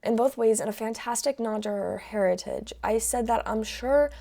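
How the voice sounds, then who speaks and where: A woman's voice: fairly high pitch, normal speed, vocal fry, warm tone. A woman reading online posts aloud and reacting to them in a casual, frank way, swearing freely.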